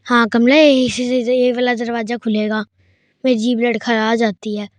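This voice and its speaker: A woman's voice: level tone, measured pace, no room sound, natural voice. A woman voicing a lazy, forgetful young man who plays the sidekick in a horror game. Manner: lower, lazy agreeable replies.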